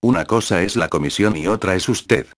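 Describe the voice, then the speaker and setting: A man reading the lines of a defiant teenage boy from a juvenile colony, in a curt, even delivery. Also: low voice, brisk, dry recording, clean studio sound, natural voice. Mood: subdued.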